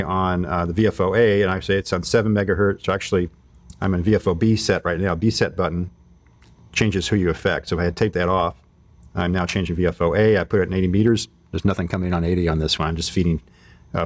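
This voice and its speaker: A man with a low voice gives a casual, hands-on product demo, walking through each step and thinking out loud. The recording is dry.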